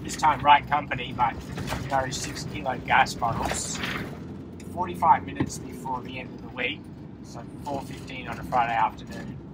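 A man talks casually to the camera while on a road trip, animated and a little exasperated. Loud engine and road noise sit right under his voice. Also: mid-range voice, normal speed. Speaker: travel vlogger. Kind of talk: casual vlog talk to camera. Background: vehicle noise.

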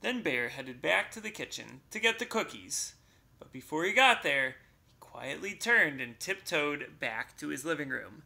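A man reading a storybook aloud to children as a church class teacher, slow and expressive. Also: a little high, vocal fry.

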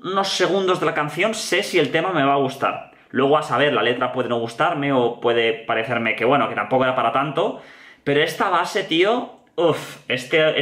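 Young guy from spain w/ spanish accent, reacting to a song, slangy and animated, kinda high voice, echoey room. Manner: animated, slangy, repeats "tío" often. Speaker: music reaction host. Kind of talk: casual music reaction commentary.

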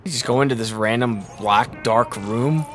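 A man's voice: medium pitch, normal speed, a bit bright. A young adult man giving casual gameplay commentary in a reactive, profane, repetitive way. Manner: profane, reactive, repeats himself. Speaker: gaming video player.

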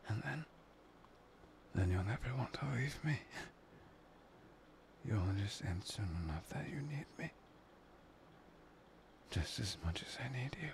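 A soft-spoken, controlling young man, played by a man, who murmurs in a low, breathy hush. His voice drags slowly and grinds into gravelly fry at the ends of phrases. He sounds intimate and obsessive in a whispered audio drama. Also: lively intonation, slight background noise. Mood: menacing. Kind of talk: whispered ASMR audio roleplay.

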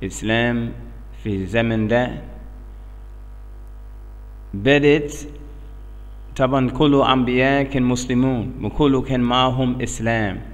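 A middle-aged American man speaking earnestly and emphatically in halting, broken Arabic with an English accent, as in an informal religious talk. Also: mid-range voice, steady tone. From United States. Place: small bare indoor room. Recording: echoey reverberant room.

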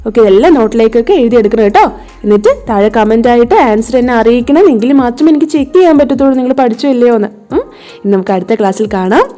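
A woman's voice: fairly high pitch, lively intonation, very fast, warm tone, soft background music. A woman English tutor with a Malayali accent, patiently spelling words out letter by letter and checking that her young students understand. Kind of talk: online lesson for children. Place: home tuition setting.

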